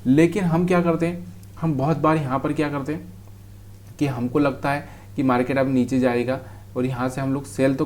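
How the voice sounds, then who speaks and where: A man's voice: mid-range voice, a little mellow. A man teaches trading over a chart in a casual, direct way, calling the viewer brother. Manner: talks straight to the viewer, calls them brother.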